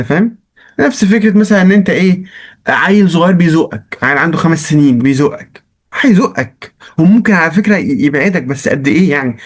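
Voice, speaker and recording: A male chemistry teacher with an Egyptian Arabic accent, reviewing exam questions in a lively, joking way and coaxing students with questions. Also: fairly high pitch. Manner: mixes English science terms into Arabic. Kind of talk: recorded exam-review lesson.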